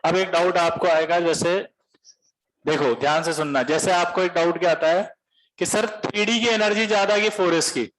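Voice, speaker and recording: A male teacher lecturing a classroom of students, mixing the lesson with teasing jokes. His voice sits high for a man. He talks to the class directly and casually. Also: steady tone, moderate pace, fairly bright tone, rough recording. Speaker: coaching teacher.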